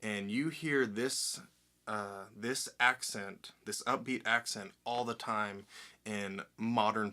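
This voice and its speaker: A man's voice: fairly low pitch, sharp tone. A young man teaching drum set, explaining step by step and counting beats aloud in an upbeat way. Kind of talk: instructional lesson.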